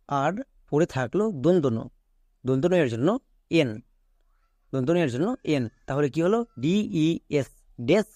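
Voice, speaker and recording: A man's voice: a little high, mellow, dry recording, studio quality. A man whose first language is Bengali teaching English pronunciation step by step. He repeats each sound and answers his own questions. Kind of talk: step-by-step spelling lesson.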